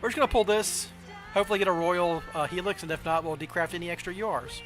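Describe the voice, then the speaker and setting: A man from the southern United States, speaking with a Southern accent, streams a card game and chats casually while reasoning through moves and questioning himself. His high, slightly bright voice moves at a quick pace, backed by soft music.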